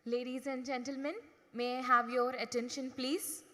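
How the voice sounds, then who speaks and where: A woman making a polite, measured announcement over the public address system of a large conference hall. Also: high-pitched, little pitch movement. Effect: announcement over a hall loudspeaker. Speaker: event announcer.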